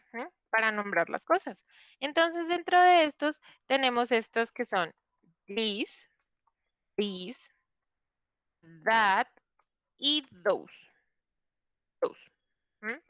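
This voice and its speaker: A woman's voice: a little high, a bit bright, clear, resonant tone, no echo. A woman teaching an online English class, explaining patiently and checking in often with her students.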